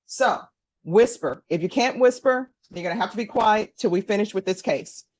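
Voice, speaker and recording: A woman's voice: medium pitch, animated, moderate pace, a little mellow, low-quality recording. A woman presiding as judge over a formal court hearing, giving firm instructions in a courtroom.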